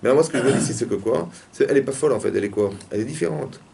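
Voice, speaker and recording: A man, a rabbi, teaching a lively religious lesson in a classroom and pressing his students with repeated questions. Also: medium pitch, rapid-fire, gravelly, slight background noise.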